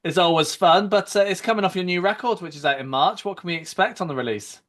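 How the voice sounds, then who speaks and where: A man's voice: high voice, fast, a bit bright. A man hosting a podcast interview in a confident radio presenting voice. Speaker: podcast host.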